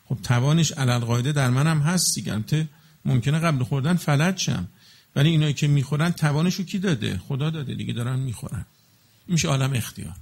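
Male preacher, husky rough timbre, casual teaching delivery that drops into slow chanted blessings. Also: medium pitch. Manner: explains with everyday examples and rhetorical checks on listeners. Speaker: religious preacher. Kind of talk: colloquial religious talk to an audience.

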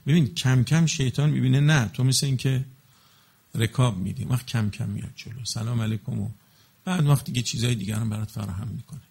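Gravelly-voiced male preacher. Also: medium pitch, a little mellow. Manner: explains with everyday examples and rhetorical checks on listeners; recites Arabic blessings in slow chant. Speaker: religious preacher. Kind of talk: colloquial religious talk to an audience.

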